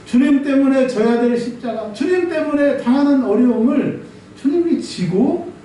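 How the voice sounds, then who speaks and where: A male pastor preaching an animated sermon in a church, acting out scolding voices and laughing often. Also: very high voice, moderate pace, a little hiss or hum. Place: church sanctuary. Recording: very echoey hall, mic at a distance.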